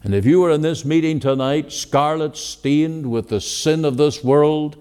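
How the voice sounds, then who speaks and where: A man preaching an evening gospel sermon in a church meeting, emphatic, rising to exclamations and then dropping low. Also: unhurried, darkish tone, clear, resonant tone. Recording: long reverb of a large hall.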